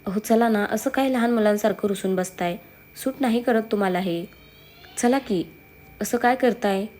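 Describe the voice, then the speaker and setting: Woman reading as a pouting young wife, pleading, childlike, mid-pitch. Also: normal speed, darkish tone, lightly acted. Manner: pleading, pouty.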